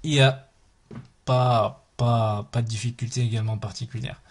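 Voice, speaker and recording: Male teacher, husky, slow and patient, repeats each letter aloud. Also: medium pitch, steady tone. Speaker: Arabic teacher. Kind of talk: language lesson.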